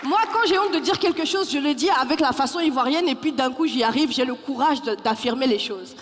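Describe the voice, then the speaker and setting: A woman from the Paris suburbs doing stand-up comedy in a large theater hall on a stage mic, animated and slipping into character voices. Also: high voice, a little fast, some chatter behind. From Paris suburbs, France. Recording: live stage recording with hall reverb.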